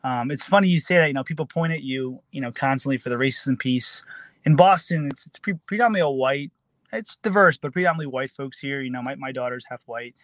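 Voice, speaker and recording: A fast-talking man from New Jersey, USA, whose first language is Tagalog, speaks as a guest in a casual interview chat. His medium-pitched voice is earnest and quick, and he repeats words. There's no echo on the recording.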